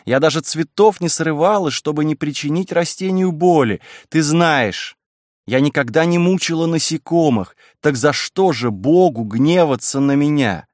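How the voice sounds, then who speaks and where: Raising his voice to sound like a wild, passionate young woman, a man pleads with impassioned intensity at a moderate pace. The acting is light and the mood gently coaxing, recorded in a dry room with no room sound.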